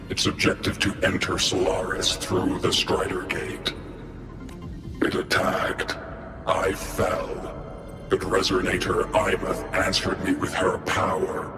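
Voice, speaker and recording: In a video game, a male actor with a low voice plays a stoic war machine, delivering clipped, formal, monotone reports with a robotic processed effect. Loud music plays over a long hall reverb.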